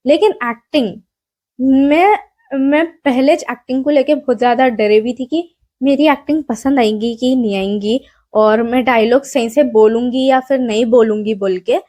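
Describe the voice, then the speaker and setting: A woman's voice: high-pitched, a little mellow. A young woman vlogger with a Hyderabadi accent, telling a story in a casual, rambling way with lots of fillers, recorded on a mic in a small room. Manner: chatty, rambling, self-deprecating, many fillers.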